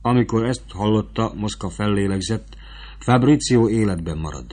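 A man narrating an audiobook in a steady, even scripted reading. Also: on the low side.

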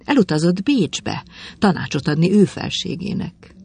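A storyteller voicing a fussy, teasing elderly gentleman who walks with a cane. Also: medium pitch, very animated, creaky, husky, pitched above the performer's own voice, exaggerated voice. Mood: chatty.

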